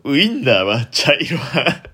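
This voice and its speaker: A young man hosting a solo late-night radio talk in a deliberately low, deep announcer-like voice, polite and formal with theatrical flourishes. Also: very animated, pushed and bright, husky. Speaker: host of a solo internet radio show.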